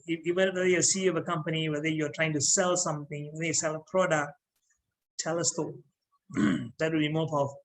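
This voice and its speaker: A man giving a lively talk on public speaking, often repeating words as he goes. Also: on the high side, low-quality recording. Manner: animated, repeats words and restarts. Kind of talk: motivational talk to an audience.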